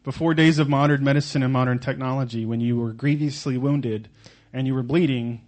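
Male preacher, earnest sermon delivery, mid-pitched voice, pauses between phrases. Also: steady tone, darkish tone. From Oklahoma, United States. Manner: earnest, pausing after each phrase, occasional stumbles.

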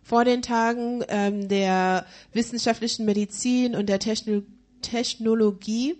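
A woman's voice: fairly high pitch, fairly even intonation, a little slow, darkish tone. A woman interpreting a sermon live, hesitant, with frequent fillers and restarts as she searches for words.

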